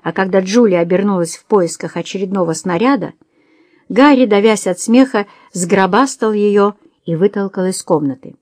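A woman reading a detective novel aloud as an audiobook narrator, in an even, measured storytelling manner. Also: medium pitch, dry recording, studio quality.

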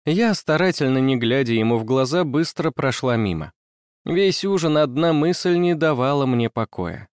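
A man narrating a first-person story in a measured, even reading. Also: medium pitch, smooth, dry recording, studio quality.

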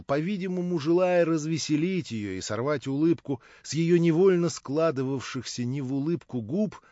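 A man narrating a novel in first person, in a measured, subdued way. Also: mid-range voice, a little mellow, no room sound. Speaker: audiobook narrator. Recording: dull, dry lo-fi recording.

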